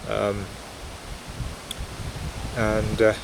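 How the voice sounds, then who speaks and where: This pipe-smoking vlogger speaks very slowly in a lowish, monotone voice with vocal fry, wandering hesitantly through relaxed, reflective chat. He's outdoors in woodland, where wind noise hits the basic recording gear and leaves rustle around him.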